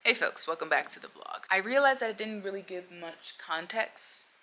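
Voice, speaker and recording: A vlogger in her thirties talks to camera in a casual, animated way, with a bright, forceful, mid-range voice at normal speed, calling viewers folks and y'all. She films in her home kitchen and then in a car, and the recording quality is low.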